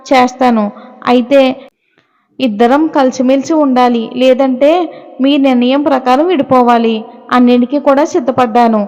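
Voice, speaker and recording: A woman narrating a story in a gentle, emotional storytelling manner. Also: high-pitched. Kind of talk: scripted narration with voiced dialogue. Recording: dull lo-fi sound with long reverb.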